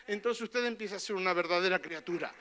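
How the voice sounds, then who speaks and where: A man's voice: high voice, quick pace, background noise. A man preaching a fervent church sermon as pastor, often tossing in questioning tags to his listeners.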